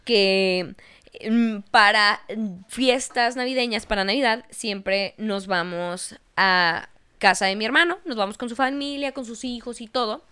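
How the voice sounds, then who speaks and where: Bright, clear Mexican woman hosting. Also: a little high. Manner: swears freely, laughs often, lively storytelling. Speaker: podcast host. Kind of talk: casual chat.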